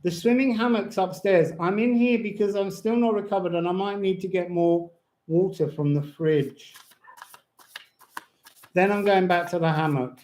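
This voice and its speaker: A man's voice: high-pitched, moderate pace, a little mellow, slight background noise, poor audio. A man chatting casually on a live stream as a rambling, whimsical tarot reader, his words slightly slurred with lips over toothless gums. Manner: rambling, whimsical, breaks into bits of song. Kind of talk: casual live chat with tarot and astrology reading. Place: indoors at home.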